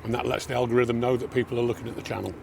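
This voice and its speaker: A man hosting a casual backyard barbecue cooking show, chatting relaxed to viewers. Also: medium pitch, rapid-fire, creaky. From New Zealand. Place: backyard outdoors. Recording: outdoor noise with passing vehicles.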